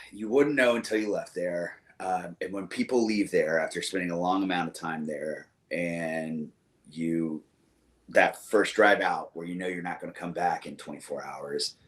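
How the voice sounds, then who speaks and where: A young man from the American South with a very low voice talks as a guest in a relaxed interview. He rambles fondly, stopping and restarting with plenty of fillers. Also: unhurried. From Southern United States. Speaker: musician guest. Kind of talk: casual interview chat.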